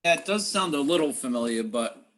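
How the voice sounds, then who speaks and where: A tired man on a town commission, adding slow, low-key remarks to a meeting held over a video call. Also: animated, a bit bright, slight background noise. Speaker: commission member. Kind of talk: meeting discussion.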